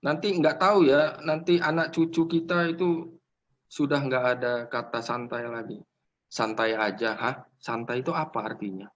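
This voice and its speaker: A man's voice: mid-range voice, fairly even intonation, moderate pace, a bit bright, dull audio. A middle-aged man with an Indonesian accent, a university lecturer giving a casual, joking classroom lecture and teasing students by name.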